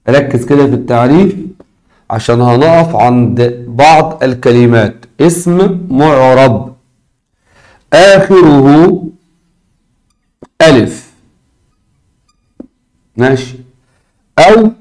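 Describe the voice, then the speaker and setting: A man with an Egyptian Arabic accent teaching a recorded lesson, repeating key words slowly and asking his students questions. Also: medium pitch, a little mellow.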